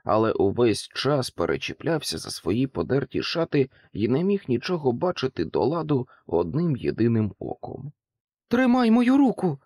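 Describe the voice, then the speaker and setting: A male audiobook narrator reading a children's fantasy in an expressive, dramatic way. His pitch moves in a lively arc across each phrase, and the recording is close and dry. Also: normal speed, few pauses, breathy edge, no echo. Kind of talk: scripted narration.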